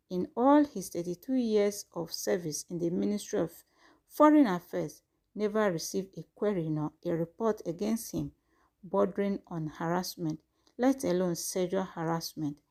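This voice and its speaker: A woman's voice: medium pitch, measured pace, vocal fry, mellow. Nigerian woman reading news in formal English. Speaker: news show host.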